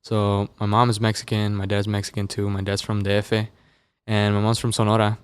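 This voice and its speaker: On a dynamic studio mic, a young Las Vegas musician rambles through stories as a podcast guest, loose, relaxed and full of fillers. His low, smooth voice has a fairly flat, even delivery at a moderate pace. The close, dry recording carries no room sound or echo in this casual interview chat.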